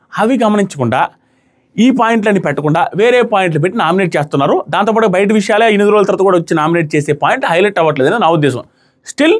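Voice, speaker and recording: A man giving an opinionated review of a reality show episode, emphatic and repeating his points for stress. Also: sits high.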